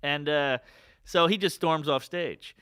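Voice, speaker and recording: Animated man telling a comedy story. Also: on the high side, smooth, dry recording, studio quality. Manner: animated storyteller, does quick voices in quotes. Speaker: comedian podcast co-host. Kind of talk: casual chat, storytelling.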